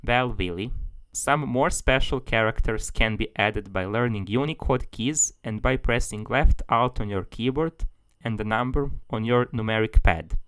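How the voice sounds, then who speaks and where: A man's voice: medium pitch, unhurried, fairly bright tone, smooth, no echo. A man giving a tutorial as a language tutor, explaining things steadily, step by step.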